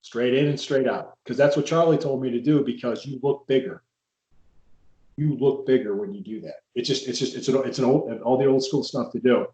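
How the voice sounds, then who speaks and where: A man in casual conversation, a podcast host who drifts from one wrestling story to the next and often restarts his sentences. His voice sits at an ordinary middle pitch. The room around him is echoey. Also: brisk, warm tone. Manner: rambling storyteller with frequent restarts. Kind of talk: casual interview chat. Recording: roomy echo.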